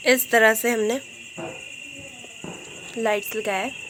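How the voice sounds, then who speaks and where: A woman vlogger with a hoarse voice chatting casually to her viewers, filming on a phone at her home at night. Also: on the high side, fairly even intonation, slow pace. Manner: chatty, talks straight to viewers. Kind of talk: casual festival vlog narration. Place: home at night, indoors and outside. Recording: noisy with crickets behind. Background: crickets and insects chirping.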